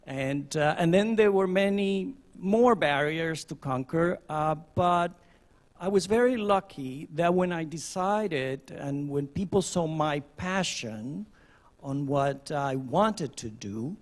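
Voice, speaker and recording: A man on a panel speaking earnestly, with many pauses. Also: fairly high pitch, lively intonation. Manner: slow and earnest, with frequent pauses. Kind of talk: reflective panel talk.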